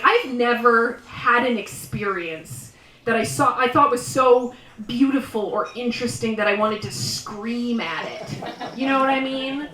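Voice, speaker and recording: A woman performing a live stand-up set, self-mocking and wry, now and then breaking into shouted bursts. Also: a little high. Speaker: stand-up comedian. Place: small live venue. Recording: roomy live sound from a distant mic.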